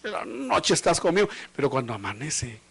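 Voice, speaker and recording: A man preaching at a live church service, speaking straight to the congregation with question after question. His voice sits a little high. He swings from loud, emphatic lines to low, hushed ones. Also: very animated, fairly quick, gravelly, breathy edge. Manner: preaching with rhetorical questions and direct address. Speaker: pastor. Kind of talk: sermon.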